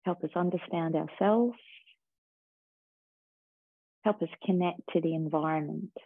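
A woman teacher slowly guiding a breathing and body-awareness meditation in a calm, soothing way. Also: lowish voice, slightly rough, no room sound. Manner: slow, calm, soothing guidance. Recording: tinny phone-like sound.

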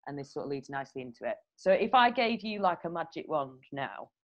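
A woman's voice: sits low, big pitch swings, brisk. A woman hosting a podcast interview, chatting casually and telling stories with frequent laughs. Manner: chatty, storytelling, laughs often. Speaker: podcast host. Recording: slightly dull lo-fi sound.

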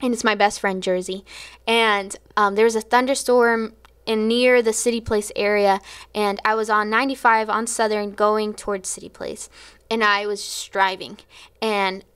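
Chatty young woman with a smooth voice. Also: medium pitch, fairly even intonation, moderate pace, fairly bright tone, no room sound. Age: 20s. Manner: earnest, chatty, laughs often, many "like" fillers. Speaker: missionary guest. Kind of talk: personal storytelling interview.

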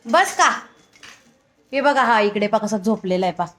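A young home vlogger chats straight to her viewers while holding a phone camera in her hand. Her medium-pitched voice is a bit bright, with lively intonation at normal speed. Now and then she coaxes her child in a sing-song voice.

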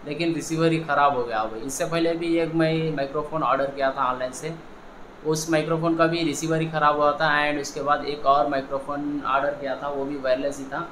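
A man's voice: a little high, fairly bright tone, poor audio. Man, casual vlogger, rambling and repetitive, phone mic outdoors, faint background hiss. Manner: rambling, repetitive, addresses viewers as bhai. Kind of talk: casual vlog chat. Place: rooftop, outdoors. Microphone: phone camera.

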